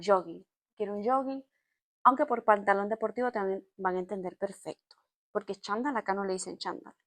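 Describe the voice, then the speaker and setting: A woman from Venezuela with a Venezuelan accent, chatting to camera in an expressive, explaining way, with laughs. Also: mid-range voice. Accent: Venezuelan Spanish. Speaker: vlogger. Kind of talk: casual storytime chat to camera.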